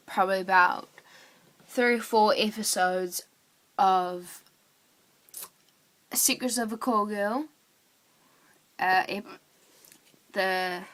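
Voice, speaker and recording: A drunk woman rambling casually in a confessional vlog, halting, drifting and swearing as she goes. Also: mid-range voice, bright, forceful tone. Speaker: vlogger.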